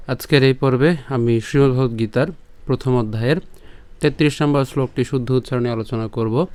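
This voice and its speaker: A man with a Bengali accent teaching Sanskrit verse pronunciation, patiently breaking each line into syllables and repeating it slowly. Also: medium pitch, steady tone, a little mellow, dry recording. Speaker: Gita recitation teacher. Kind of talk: pronunciation lesson.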